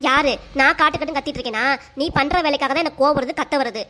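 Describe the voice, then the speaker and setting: A woman voicing a furious, nagging cartoon mom. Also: high-pitched. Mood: scolding. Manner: sharp, rapid scolding. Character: angry scolding mother and wife. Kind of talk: cartoon voice acting.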